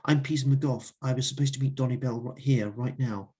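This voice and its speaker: Flustered middle-aged author, stammering and indignant, husky voice, as a man plays him. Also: medium pitch, steady tone, fairly quick, dark tone, close to an everyday voice.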